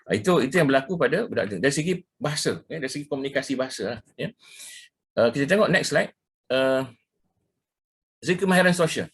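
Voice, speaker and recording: A middle-aged man with a Malaysian Malay accent, lecturing over slides. He talks fast in a husky voice, circling back on his points and slipping English words into his speech. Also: mid-range voice, animated. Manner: casual, repetitive, mixes in English words, frequent "ya" and "ha". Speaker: ruqyah practitioner giving a talk.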